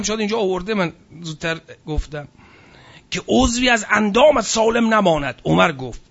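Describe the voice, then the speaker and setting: With a high-pitched, slightly bright voice on a lo-fi recording, a man lectures on religious history, reading passages aloud and then tossing in casual remarks of his own.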